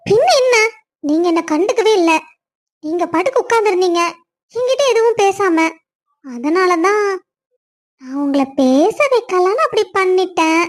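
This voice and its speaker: A woman's voice: extremely high pitch, lively intonation, normal speed, long pauses. A woman voicing a playful, teasing young wife in a cartoon story, coaxing and affectionate. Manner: teasing, sing-song, coaxing. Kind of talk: cartoon voice acting.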